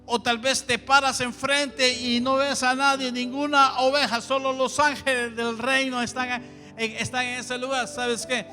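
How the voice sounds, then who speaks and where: Man, Honduran accent, pastor's sermon, emphatic and repetitive, high bright voice, long hall reverb. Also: level tone, measured pace, faint music behind. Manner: emphatic, repeats key phrases.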